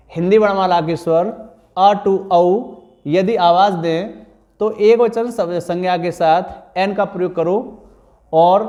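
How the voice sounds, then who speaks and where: A man's voice: sits high, a little mellow. A male teacher explaining grammar to pupils in a classroom lesson, drawing out words and repeating the answers.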